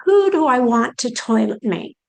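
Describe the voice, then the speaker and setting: Older woman presenter, a touch high-pitched, methodical, thinks out loud in questions. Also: sing-song, moderate pace, gravelly, rough recording. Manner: poses questions aloud, walking through each step. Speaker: presenter on aging and care planning. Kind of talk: explanatory talk.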